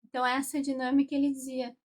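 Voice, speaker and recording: A woman with a Brazilian Portuguese accent and a fairly high voice tells how a family constellation session went. She puts on brief, higher voices for the people she quotes. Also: completely flat delivery, fast, darkish tone. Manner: acts out quoted voices with raised pitch. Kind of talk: recounting a therapy session.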